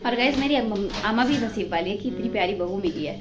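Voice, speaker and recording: A young woman from Himachal Pradesh chatting warmly to her viewers in a casual home vlog, recorded on a phone indoors. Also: medium pitch, lively intonation, quick pace, crowd noise, low-quality recording. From Himachal Pradesh, India. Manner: chatty and affectionate, talking to the viewers while doing chores. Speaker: vlogger.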